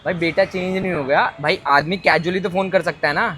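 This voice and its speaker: A man's voice: high-pitched, steady tone, brisk, sharp tone, slight background noise. A man vlogging outdoors, insistent and repeating himself as he argues. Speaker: vlogger being pranked. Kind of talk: casual heated conversation. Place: outdoors on muddy ground. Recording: background music over the talk.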